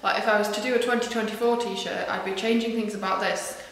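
A woman's voice: medium pitch, steady tone, quick pace, fairly bright tone, slight background noise. A woman from northwest England, a knitwear designer chatting casually to camera, self-deprecating and full of ums and asides. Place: large echoey room in a house. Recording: very echoey big room.

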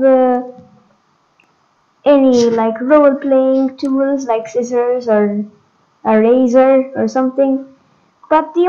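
A gaming host walks through game updates casually, hesitating and thinking aloud. The voice is high-pitched with a darkish tone, captured on a dull lo-fi microphone.

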